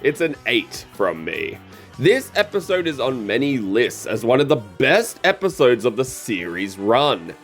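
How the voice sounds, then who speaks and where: A man's voice: mid-range voice, very animated, unhurried, soft background music. A man hosting a review show, reading scripted narration and opinions. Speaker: host of episode review show.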